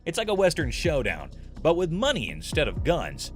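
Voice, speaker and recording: A man tells a scripted comedy recap with an animated, up-and-down voice. He leans into jokey comparisons and playful exaggeration. Soft music plays faintly behind him. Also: on the high side, moderate pace. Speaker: narrator.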